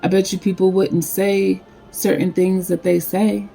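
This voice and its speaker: A woman giving a casual spiritual card reading, talking in a slow, meandering way with many fillers. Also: medium pitch, flat delivery, gravelly, warm tone, a little hiss or hum, poor audio. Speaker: spiritual reader.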